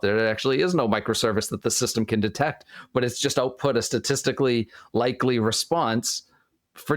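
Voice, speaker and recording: Speaking as an interview guest on a podcast, a Boston-accented man with a medium-pitched voice explains his opinions, frequently raising a question and answering it himself. The sound is clean studio quality, free of echo.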